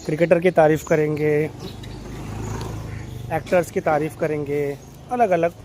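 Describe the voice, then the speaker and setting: A man's voice: a little high, fairly even intonation, measured pace, noisy background. A man, a local vlogger giving street-side social commentary and firing off rhetorical questions as he walks through the city. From Mumbai, India.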